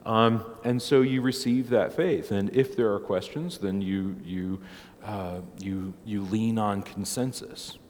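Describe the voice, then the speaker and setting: Low-voiced preacher in cathedral echo. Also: male voice, takes it slowly, darkish tone. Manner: conversational, tags many points with "right?". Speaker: preacher teaching a catechism class. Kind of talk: informal church class teaching, opening with prayer.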